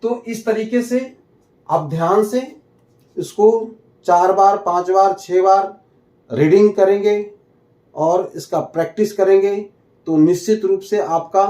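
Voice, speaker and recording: A man teaches pronunciation at a slow, careful pace, saying each example word twice. His voice sits high but sounds mellow and soft. The room around him echoes. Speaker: English teacher. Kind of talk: explaining a lesson.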